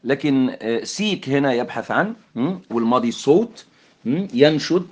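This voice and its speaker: A man with an Egyptian accent teaching English grammar in Arabic, mixing in English terms and filling pauses with "aah". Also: medium pitch, animated, darkish tone, muffled recording. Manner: explanatory, mixes English terms, frequent fillers.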